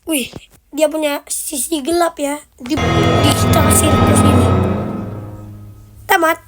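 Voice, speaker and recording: A woman's voice: sits high, fairly even intonation, slow. A woman hosting a casual reaction video, commenting in short exclamations addressed to viewers. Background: music.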